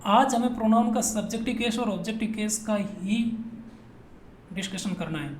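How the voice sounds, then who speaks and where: A man's voice: sits high, normal speed. A male teacher from Rajasthan, India, giving a grammar lesson. He playfully asks questions and answers them himself, repeating each point many times. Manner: drills students, asks and answers his own questions; playful, repetitive. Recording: echoey room with faint noise.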